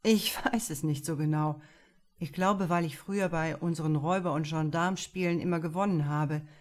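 Lady reading a cocky cop guy for an audiobook, blunt and self-mocking, deep for a woman. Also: steady tone, moderate pace, lightly acted. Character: male police officer Lukas, cocky but disillusioned.

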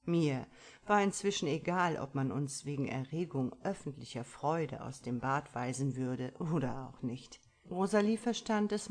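A woman reads a first-person story aloud with a deep, low voice. Her telling is measured and expressive, the steady delivery of a practiced audiobook narrator. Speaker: audiobook reader.

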